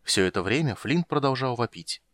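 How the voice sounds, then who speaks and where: A man narrating an audiobook with expressive storytelling. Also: mid-range voice, fairly quick, dry recording, studio quality.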